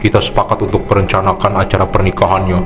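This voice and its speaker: An angry, stern middle-aged father in a cartoon drama, as a man puts him on. He pushes his voice up in pitch and loudness as he demands answers. Faint music plays under him. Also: little pitch movement, fast. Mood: grave.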